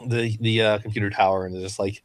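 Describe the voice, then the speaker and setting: Man, middle pitch, halting player narration, dry mic. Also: level tone, no echo. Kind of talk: casual tabletop play.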